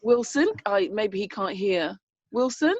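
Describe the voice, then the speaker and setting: A woman's voice: medium pitch, lively intonation, unhurried, dry recording. A woman co-hosting a casual video-call chat, effusive and chatty. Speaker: co-host. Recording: dull, dry video-call audio.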